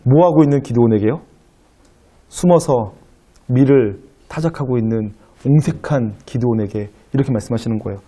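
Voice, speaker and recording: A man's voice: medium pitch, fairly quick, dark tone. A man preaching a sermon as pastor, asking the congregation rhetorical questions and acting out biblical dialogue. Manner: acts out biblical dialogue in quotes.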